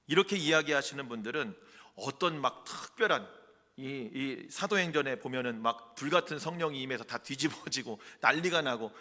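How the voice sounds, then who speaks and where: A man preaching a sermon as pastor, telling a personal story with lively emphasis and calling on the congregation. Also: medium pitch, moderate pace. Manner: animated storytelling, calls on the congregation. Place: church sanctuary. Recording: long reverb of a church hall.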